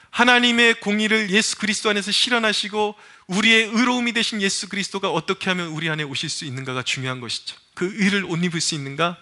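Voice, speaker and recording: Male pastor, high and bright-edged, exhorting sermon delivery. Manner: fervent, exhorting, repeatedly addresses the congregation. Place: church service.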